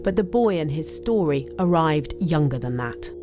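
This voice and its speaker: A woman news reporter reading a scripted narration in a measured, serious way. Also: deep voice, animated, over music.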